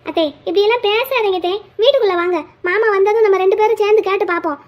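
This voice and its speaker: A woman voicing a bossy, sharp-tongued young daughter-in-law who scolds briskly. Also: very high voice, dull audio. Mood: coaxing.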